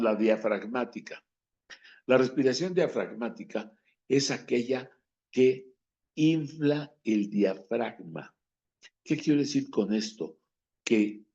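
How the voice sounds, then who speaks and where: A man's voice: medium pitch, darkish tone. A man teaching a lesson on breathing and diction, stressing words and acting out phrasing as examples. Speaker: speaking coach. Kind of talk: instructional talk on voice and diction. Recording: dull lo-fi recording.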